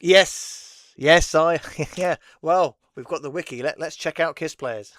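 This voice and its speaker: A man's voice: on the high side, takes it slowly, fairly bright tone, no echo. Chatty, rambling man. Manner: chatty, rambling, laughs often. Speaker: host. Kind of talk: casual chat.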